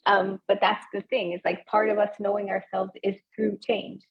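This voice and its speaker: A woman co-hosting a relaxed podcast chat, her voice carrying a gravelly fry. She muses aloud in a thoughtful, wandering way, often restarting her sentences. The sound is slightly dull and lo-fi. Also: medium pitch, normal speed, slight background noise. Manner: thoughtful, meandering, many fillers and restarts. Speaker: podcast co-host. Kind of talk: reflective casual chat.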